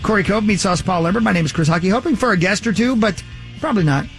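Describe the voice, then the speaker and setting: A man co-hosting a comedy radio show, quick and excitable in his banter. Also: high-pitched, faint music behind. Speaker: radio co-host.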